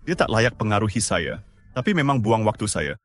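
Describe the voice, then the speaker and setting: A cool composed young director, curt, lively pitch, dubbed drama. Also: male voice, moderate pace. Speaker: new hospital director.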